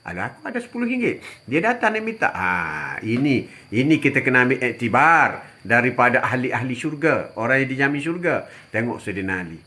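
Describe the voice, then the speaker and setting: Older guy preaching on a live stream, bright voice, bouncy up and down, keeps saying ha. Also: mid-range voice, sing-song, normal speed. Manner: chatty, repeats phrases, frequent "ha" interjections. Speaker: religious teacher. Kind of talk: live-stream religious advice, answering viewers.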